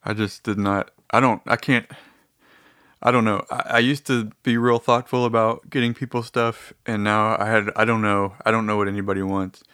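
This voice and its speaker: A man's voice: on the low side, fairly even intonation, moderate pace, a bit bright, clean tone, no room sound, clean studio sound. A man talking to his audience in a casual, meandering, easygoing monologue.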